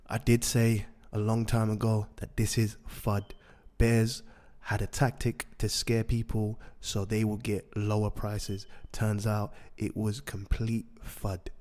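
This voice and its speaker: Raspy low-voiced man, fairly monotone. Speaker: host of a daily crypto news show. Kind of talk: market update commentary.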